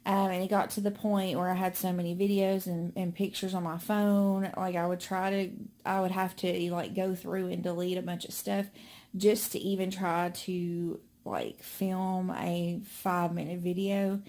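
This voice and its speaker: A woman's voice: on the low side, flat delivery, moderate pace, darkish tone. A young woman chatting casually to a phone camera at home, rambling with many fillers and a little out of breath. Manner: rambling, filler-heavy, friendly. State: slightly out of breath. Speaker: vlogger. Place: home indoors.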